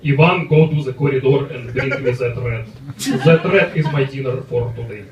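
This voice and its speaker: A man with a Russian accent playing a stern Russian schoolteacher who gives flat, bossy classroom commands. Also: mid-range voice, normal speed, muffled recording, lightly acted. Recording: roomy live club, far mic, loud crowd laughter.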